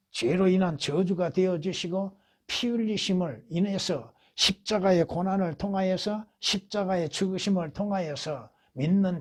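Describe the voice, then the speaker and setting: A man's voice: sits high, a little mellow. A man preaching at a church Bible study as pastor, putting rhetorical questions to the congregation and answering them, with emphatic repetition.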